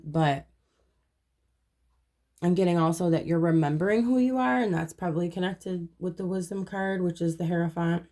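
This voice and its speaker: Low-voiced woman giving a rambling tarot reading. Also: mellow. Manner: meandering, heavy on fillers like "you know" and "um"; earnest and reassuring, addressing the viewer directly. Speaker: tarot reader. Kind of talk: casual spoken tarot reading.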